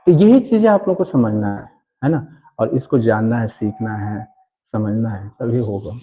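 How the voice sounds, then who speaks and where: Male English teacher, very dark husky voice, lo-fi recording, repetitive patient delivery. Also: on the low side, normal speed. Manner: repeats key points, checks understanding often. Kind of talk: online grammar lesson. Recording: dull lo-fi recording.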